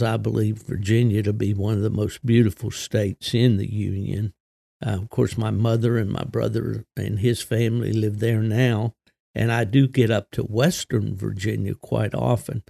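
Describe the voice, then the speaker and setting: An older man with a gravelly voice, hosting a solo podcast in a folksy, unhurried, conversational way. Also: lowish voice, warm tone, dry recording. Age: 60s or older. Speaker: podcast host.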